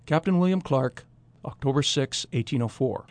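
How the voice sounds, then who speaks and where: A man's voice: mid-range voice, animated, moderate pace, darkish tone, no echo, lightly acted. An actor playing an expedition captain of the early 1800s, reading out terse, matter-of-fact field notes from his journal. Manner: clipped observational field-note phrasing.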